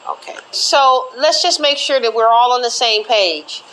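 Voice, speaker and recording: A woman's voice: fairly high pitch, lively intonation, unhurried, fairly bright tone, poor audio. A woman TV court judge questioning people in a stern, authoritative manner.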